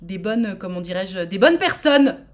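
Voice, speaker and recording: A woman's voice: mid-range voice, very animated, normal speed. A woman from France hosting a live-streamed speed dating show, chatting casually and playfully with many fillers.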